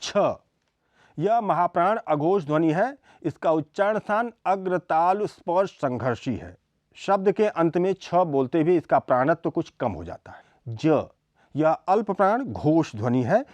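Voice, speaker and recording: A man giving a scripted lesson on speech sounds, reading them out one by one in a slow, deliberate way. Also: on the high side, big pitch swings, darkish tone, no room sound. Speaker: lecturer. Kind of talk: scripted educational lecture.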